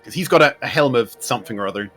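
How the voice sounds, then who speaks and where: Guy playing dnd, casual chat, bright forceful voice, normal pitch. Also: expressive, very fast, faint music behind. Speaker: player in a tabletop game.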